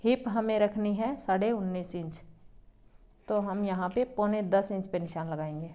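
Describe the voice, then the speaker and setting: A woman who runs a boutique, calmly explaining step by step how to cut a garment as she works. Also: mid-range voice, moderate pace. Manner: calm, explains each step while working. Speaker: boutique owner teaching tailoring. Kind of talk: step-by-step sewing tutorial.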